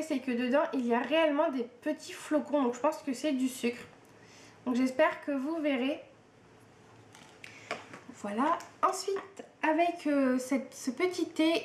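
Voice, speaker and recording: High-pitched young woman unboxing stuff, lots of ums, roomy echo. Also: a little mellow. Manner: hesitant, many fillers, chatty. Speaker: book and tea vlogger. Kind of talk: casual unboxing chat. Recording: echoey room with faint hiss.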